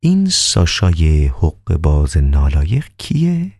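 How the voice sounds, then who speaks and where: A man voicing a calm, polite male doctor who asks slow, soft, half-whispered questions. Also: rumbling low, breathy edge, no room sound, studio quality, heavily acted.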